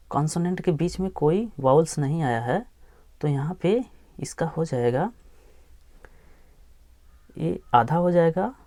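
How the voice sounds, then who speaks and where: Slow, gravelly male teacher. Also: on the high side, mellow, dry recording. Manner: sounds out letters slowly and repeats each word. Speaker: English teacher. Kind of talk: slow phonics lesson, spelling words aloud.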